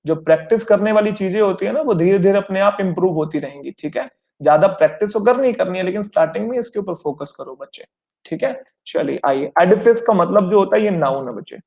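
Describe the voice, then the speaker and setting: Young male tutor, high-pitched, repetitive coaching delivery for an online class. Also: creaky, darkish tone. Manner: explains in Hindi with English terms, addresses students as children; repetitive, checks in often with rhetorical questions. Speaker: teacher. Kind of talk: online exam-prep vocabulary lesson.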